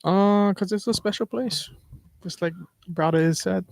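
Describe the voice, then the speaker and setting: A man's voice: high voice, moderate pace, vocal fry, no room sound. Easygoing local Hawaii man, dry sound. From Wai'anae, Hawaii. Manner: easygoing, hesitant with fillers. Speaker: podcast guest. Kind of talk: casual chat.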